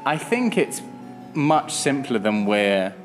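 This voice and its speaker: A man of middle pitch speaks as a podcast guest, explaining a poem in a relaxed way. He hesitates with fillers as he works out his point. Faint music sits under the recording. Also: slow pace. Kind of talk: casual discussion of poetry.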